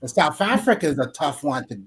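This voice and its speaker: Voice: mid-range voice, big pitch swings, brisk, a little hiss or hum. A co-host in a casual chat who teases and scolds in a dry way.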